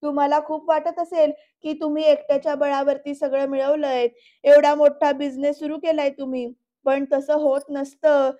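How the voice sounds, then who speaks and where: A devout, outspoken young wife from a TV serial, read aloud by a woman. She asks pointed, firm questions. The voice stays high and level over slightly dull audio. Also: little pitch movement, moderate pace, mellow, close to an everyday voice.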